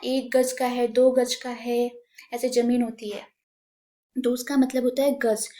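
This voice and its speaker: A woman's voice: fairly high pitch, dark tone. Patient woman teaching young kids. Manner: explains patiently, mixing in English words. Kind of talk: online class lesson for young children.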